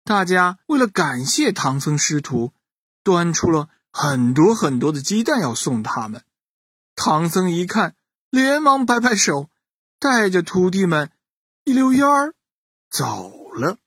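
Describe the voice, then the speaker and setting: A man telling a bedtime story to children with animated, swooping pitch and an unhurried pace. His voice is husky and fairly low, recorded dry and close to the mic. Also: no room sound. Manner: animated, addressing children directly.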